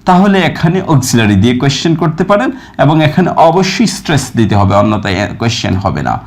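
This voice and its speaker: A man teaching a recorded grammar lesson, reading example sentences slowly and with stress, then explaining each one. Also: medium pitch, sing-song. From Bangladesh. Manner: reads English examples slowly and with stress, then glosses them. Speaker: English teacher.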